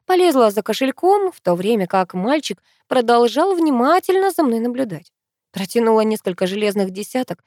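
A woman reading a first-person audiobook in a lively, expressive way. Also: on the high side, brisk, no echo, studio quality. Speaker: audiobook narrator. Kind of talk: first-person scripted narration.

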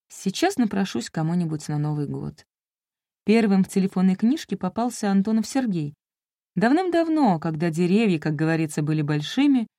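A woman's voice: fairly low pitch, mellow, no room sound, studio quality. A woman reading a first-person audiobook with wry, self-ironic storytelling. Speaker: audiobook narrator.

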